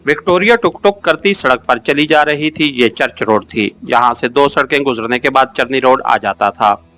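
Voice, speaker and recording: A man narrating a first-person adventure novel as an audiobook, in a steady, measured storytelling manner. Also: medium pitch, soft background music.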